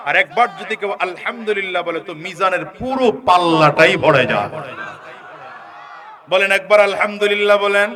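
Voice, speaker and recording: A man delivers a sermon to a large gathering, urging the crowd to answer him loudly. He swings between shouting and quiet asides.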